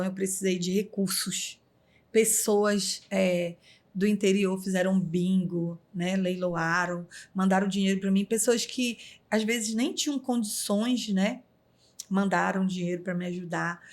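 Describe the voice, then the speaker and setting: A woman's voice: mid-range voice, darkish tone. A middle-aged woman from Brazil, a podcast guest, earnestly telling a personal story with many fillers.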